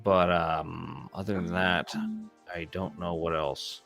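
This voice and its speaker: A man guest in a casual chat, deadpan, trailing off as he runs out of news. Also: low voice, takes it slowly, creaky, faint music behind.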